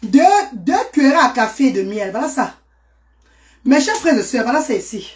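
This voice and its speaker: A woman's voice: on the high side, expressive, moderate pace, slight background noise. A woman talking live to her viewers in a casual stream, exclamatory and greeting people by name.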